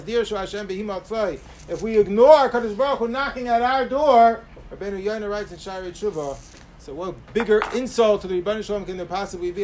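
A man speaking as a rabbi giving a sermon, with emphatic delivery that swings between raised stress and softer asides. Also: sits high, poor audio. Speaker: rabbi giving a religious talk. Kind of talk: sermon, Torah lecture with Hebrew quotations. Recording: clear background noise.

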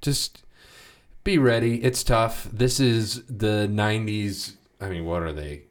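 A man's voice: lowish voice, steady tone, takes it slowly. A man co-hosting a podcast, chatting in a wry, joking way. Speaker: podcast co-host. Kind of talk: casual chat.

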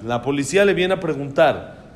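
A man's voice: a little high, animated, a little fast. A man giving an informal Torah class, speaking in an admiring way that repeats phrases and often restarts.

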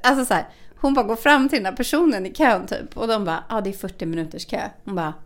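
A woman co-hosting a podcast, telling a story in casual chat, swearing freely and acting out the dialogue. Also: medium pitch. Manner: animated, swears a lot, acts out quoted dialogue. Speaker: podcast co-host.

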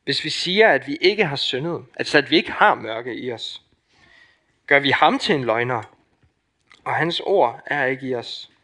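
A young man preaches in a Danish accent, his voice bright and ringing. He delivers the sermon with passion, pushing up into loud emphatic peaks and then dropping to hushed, intimate lines. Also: medium pitch, expressive.

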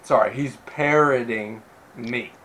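A man co-hosting a casual podcast, blunt and sarcastic, dropping profanity freely. His voice sits at an ordinary middle pitch. There is a faint hiss of room ambience behind him. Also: slow pace, a bit bright, poor audio. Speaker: podcast co-host. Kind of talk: casual chat.

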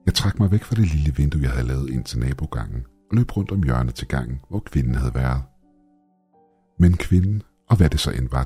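A man with a very low, dark voice reads a horror story in a measured, ominous way. His tone is thick and husky with plenty of breath. Faint music plays softly behind him. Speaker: horror podcast narrator. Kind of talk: scripted horror narration. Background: faint background music.

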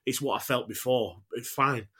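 A man's voice: mid-range voice, normal speed, pushed and bright, breathy edge. A man in his thirties with a Yorkshire accent, talking informally and reflectively in a candid interview. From Yorkshire, England. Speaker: actor, podcast guest.

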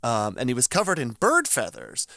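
A man's voice: mid-range voice, huge pitch swings, moderate pace, creaky, pushed and bright, no room sound, studio quality. A young man co-hosting a podcast, chatting casually in a flippant, sarcastic way. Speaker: podcast co-host.

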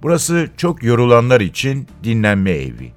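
A man reading a radio story and voicing a calm eleven-year-old boy who soothes his little sister in a matter-of-fact way. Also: medium pitch, normal speed, soft background music. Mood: reassuring. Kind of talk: audiobook-style radio reading.

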